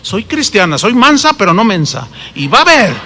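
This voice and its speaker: A woman's voice: medium pitch, big pitch swings, moderate pace, bright, forceful tone, a little hiss or hum. A man voicing a bitter, self-righteous churchgoing woman who mutters resentfully, with a Mexican Spanish accent.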